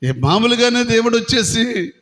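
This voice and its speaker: A man's voice: extremely high pitch, expressive, normal speed, fairly bright tone. A man preaching a sermon to a congregation. He asks them questions and acts out voices from the story. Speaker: pastor. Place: prayer hall. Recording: long hall reverb.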